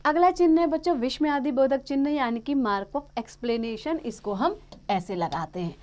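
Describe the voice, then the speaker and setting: A woman's voice: sits high, lively intonation, unhurried, darkish tone. A woman teacher explaining a grammar lesson to young children, patient and step by step.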